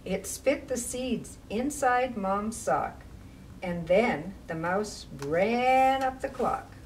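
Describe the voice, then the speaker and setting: Reading a rhyming story to young children at library storytime, a woman with a medium-pitched voice performs expressively and deliberately at a slow pace, adding casual asides. She's recorded from a distance, with slight noise behind her.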